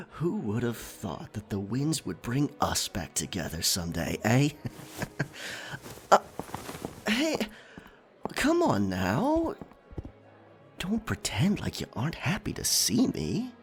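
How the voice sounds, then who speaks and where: Man acting a slow-talking, roguish pirate captain. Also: medium pitch, wildly swooping pitch. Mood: flirtatious, teasing. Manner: teasing, theatrical, drawn-out delivery with chuckles. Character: roguish, flirtatious, cocky male pirate captain. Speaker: voice actor. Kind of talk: romantic roleplay ASMR acting.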